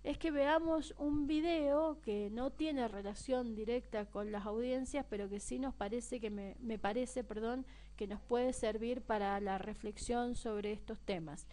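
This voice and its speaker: A woman's voice: fairly high pitch, unhurried, hardly any pauses, warm tone. A woman instructor addressing her students directly in a recorded online lesson. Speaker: course instructor.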